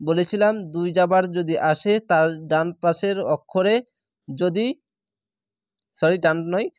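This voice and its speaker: A high-voiced man teaches Quran reading, spelling out each syllable before stretching out the recited word. His tone is steady and clean, his pace measured, and the sound is dry and close with no room echo.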